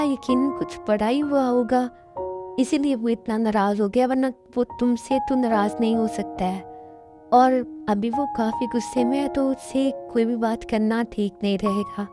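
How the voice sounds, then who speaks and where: A woman's voice: on the high side, close to an everyday voice. A woman voicing a caring, reassuring older mother figure in a fan dub. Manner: soothing, reassuring. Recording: music in background.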